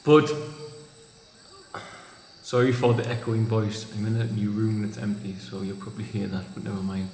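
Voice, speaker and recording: A man vlogging in a reflective, unhurried way, recorded in an empty room with a big hall echo. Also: lowish voice, little pitch movement, a little mellow, a little hiss or hum. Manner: thoughtful, unhurried, restarts phrases. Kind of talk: reflective monologue. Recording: echoey empty room with long reverb.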